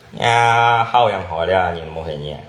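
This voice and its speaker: A man's voice: deep voice, fairly bright tone. Chatty man in a roomy echo. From Indonesia. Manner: chatty, often asks back with short questions. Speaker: channel host. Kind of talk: casual chat.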